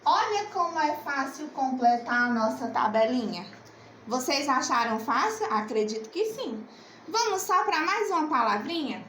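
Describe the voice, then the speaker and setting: Lady teacher, high voice, slow and coaxing, echoey room. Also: expressive, fairly bright tone, a little hiss or hum. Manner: slow, coaxing, asks and answers her own questions. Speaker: primary school teacher. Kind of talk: remote literacy lesson.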